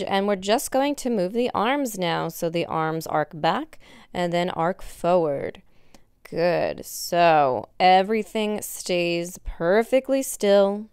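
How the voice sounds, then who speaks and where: A woman's voice: on the low side, a little mellow, clear, resonant tone, no echo, studio quality. A young woman instructing an at-home workout like an aerobics instructor, giving encouraging cues as she exercises along. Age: young adult. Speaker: fitness instructor. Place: indoor wood-floored exercise studio.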